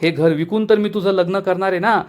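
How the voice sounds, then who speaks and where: A man's voice: high voice, steady tone, brisk, close to an everyday voice. A man voicing a furious, scolding middle-aged aunt and mother in a serial recap, hurling threats and insults.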